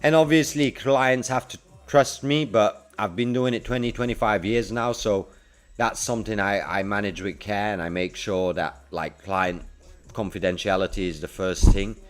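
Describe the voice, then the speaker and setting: A man in his forties, a livestreamer who also works as a freelance web developer, chats casually with his viewers in a laid-back, slangy style. His voice is lowish and his pace moderate, with music playing in the background.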